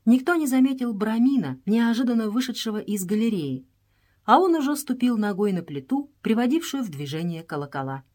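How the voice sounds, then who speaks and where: A woman narrating an adventure story as an audiobook in a steady storytelling voice. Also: fairly high pitch, brisk.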